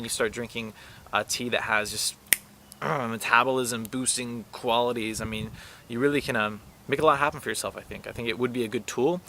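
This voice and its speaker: A young man talks straight to the camera with a bright, forceful voice, giving health advice. He rambles and fills gaps with ums and restarts, earnest throughout. A faint hiss of noise sits under the recording. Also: mid-range voice. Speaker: wellness vlogger. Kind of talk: casual talk to camera.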